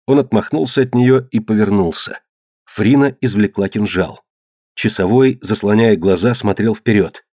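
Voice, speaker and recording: A man reading an adventure novel aloud in a measured, dramatic manner. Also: lowish voice, darkish tone, no room sound, clean studio sound. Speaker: narrator. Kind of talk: scripted audiobook narration.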